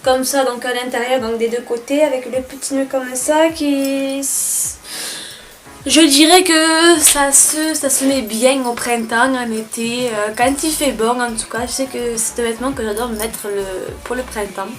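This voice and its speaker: A woman's voice: high voice, steady tone, measured pace. A young woman filming a casual spring beauty tag, talking hesitantly with many filler sounds. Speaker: beauty vlogger. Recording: music playing behind.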